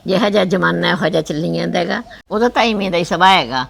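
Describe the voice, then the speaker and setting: An older woman playing a frail, loving village grandmother who gently consoles her daughter in a family drama. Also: fairly low pitch, very fast, creaky. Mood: consoling.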